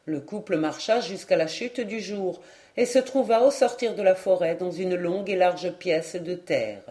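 A woman narrating a medieval romance as an audiobook reader, in a clear, measured reading style. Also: fairly low pitch, dark tone.

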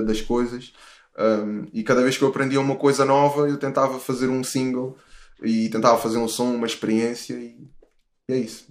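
This thirty-year-old musician guest, European Portuguese accent and all, speaks at medium pitch in a roomy-sounding recording. He chats casually and at length during the interview, full of restarts and fillers.

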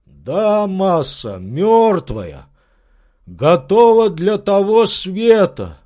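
A man reading an audiobook, voicing a sly old male servant who drawls loudly from far up. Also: high voice, very animated, pitched above the performer's own voice, exaggerated voice. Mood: calling out. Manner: slow drawl, calls out from afar.

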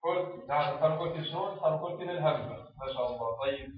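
A man's voice: on the high side, rapid-fire. Male instructor, step-by-step teacher-pupil demos, distant, dull and echoey recording. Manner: explains step by step, acts out teacher and pupil exchanges. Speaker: teacher trainer. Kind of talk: instructional talk on teaching reading.

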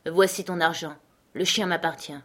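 A woman reading aloud, voicing a stern, commanding man who is quick to anger and speaks in a firm, threatening way. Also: on the low side, fairly even intonation, fairly bright tone.

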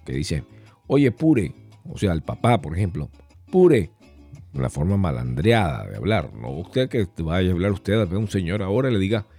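A middle-aged man with a Venezuelan accent talks through his podcast in a playful, rambling way, slipping into voices for the slang he explains. His voice is deep and dark with a husky grain. Pitch leaps around lively, and soft guitar music plays underneath. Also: fairly quick, few pauses. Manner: playful, jumps between topics, acts out quoted slang voices. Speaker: podcast host. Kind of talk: casual monologue podcast.

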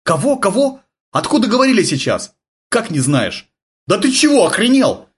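A man voicing a flustered, excitable young army sergeant who blurts and yelps his lines in an audiobook. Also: fairly quick. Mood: agitated. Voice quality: shrill, blurting, agitated. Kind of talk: audiobook character voice.

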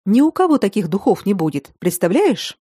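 A woman voicing a bold, playful young noblewoman with a brisk, theatrical manner. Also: mid-range voice, big pitch swings, mellow, slightly rough, no room sound, clean studio sound.

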